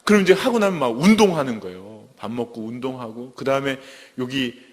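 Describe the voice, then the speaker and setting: A man giving a testimony sermon at a church service, telling his story in a lively way and acting out the lines he quotes. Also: mid-range voice, fairly quick, long reverb tail, heavy background noise.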